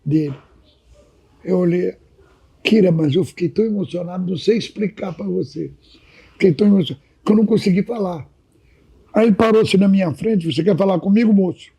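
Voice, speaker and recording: Old guy in his 80s, super raspy gravelly voice, telling long stories on a podcast. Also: sits high, brisk, pauses often. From Minas Gerais, Brazil. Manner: animated anecdotal storytelling, repeatedly addressing the host by name. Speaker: podcast guest. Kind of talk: casual storytelling chat.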